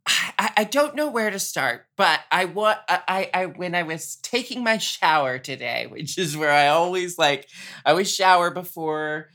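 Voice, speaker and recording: A woman's voice: on the low side, expressive, normal speed, a bit bright. A woman hosting a podcast interview from a rented home, chatting casually, laughing often and stumbling into restarts. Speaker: podcast host. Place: rented home near busy street.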